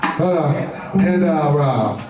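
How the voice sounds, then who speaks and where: A man's voice: on the high side, expressive, slow, far from the mic. A man doing joking, profane stage banter as an open mic performer, talking into a stage mic at a live music venue. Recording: echoey, muffled live venue recording. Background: loud band music.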